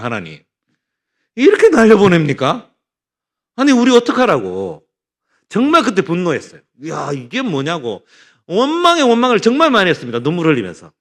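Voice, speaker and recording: Man, middle-aged pastor, fairly high voice, lively rising and falling delivery, rhetorical questions. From North Gyeongsang, Korea. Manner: animated storytelling with rhetorical questions. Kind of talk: Bible study sermon.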